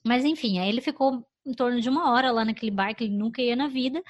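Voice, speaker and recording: A young woman from Brazil tells a personal story in relaxed chat. Her voice sits high, and she slips into lively quoted voices. The recording is dry and close, with no room sound. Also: quick pace, dry recording. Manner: animated, acts out quoted lines.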